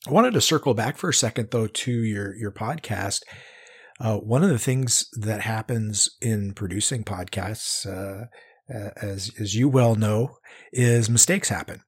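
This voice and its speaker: A man hosting a casual interview, relaxed and stopping often with fillers and restarts. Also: lowish voice, measured pace, slightly rough. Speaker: interviewer, podcast host.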